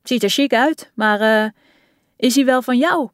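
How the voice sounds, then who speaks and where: A woman's voice: on the high side, measured pace, no room sound, pitched above the performer's own voice, natural voice. A cheeky young woman with a broad Amsterdam accent, voiced by a woman narrator. She teases and needles boldly, with a raised, pushy voice. The sound is close and dry. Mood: teasing. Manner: teasing, brash.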